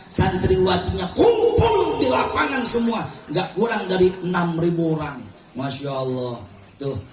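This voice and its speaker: A man preaching a comic Islamic sermon at a house gathering, teasing the crowd. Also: high voice. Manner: joking, teasing the crowd, lively. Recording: echoey room, distant mic, music.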